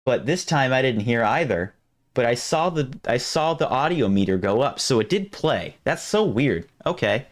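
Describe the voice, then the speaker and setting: A man hosting a live stream, chatting casually and thinking aloud, his voice going hoarse. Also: medium pitch, lively intonation, normal speed. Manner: rambling, restarts often, thinks aloud. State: losing his voice.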